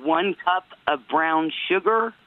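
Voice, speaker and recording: A woman's voice: low-pitched, slow, no room sound. An American-accented woman calling a radio phone-in, chatting casually and explaining things step by step over a tinny phone line. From United States.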